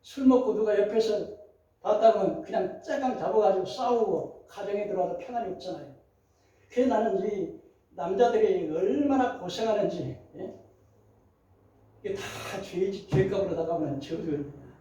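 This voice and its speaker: A man in his sixties preaching a lively sermon, switching between loud and soft. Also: sits high, normal speed, dull audio. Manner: animated preaching with acted quotes, shifting loud and soft. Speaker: pastor. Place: large church sanctuary. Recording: roomy echo, voice from far off.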